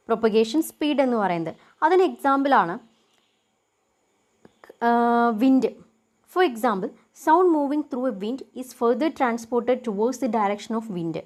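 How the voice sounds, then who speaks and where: A young woman teaching a lesson. She poses questions and answers them herself, and reads English definitions out slowly. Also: on the high side, a little mellow. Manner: asks and answers her own questions. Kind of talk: lecture explaining a topic.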